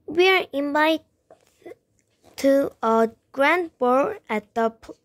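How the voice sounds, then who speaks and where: A woman's voice: high voice, lively intonation, very slow, heavily acted. A woman voicing a bossy, scornful stepmother in a read-aloud storybook.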